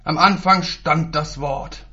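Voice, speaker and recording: A man's voice: on the high side, slow pace, sharp tone, dull audio. A man voicing a small, wrathful religion teacher in a storybook reading, hissing and bellowing his questions. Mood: bellowing, menacing.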